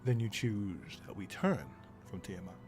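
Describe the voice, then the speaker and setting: A man's voice: fairly low pitch, unhurried, music in the background, close to an everyday voice. A man voicing a grave, stern royal father.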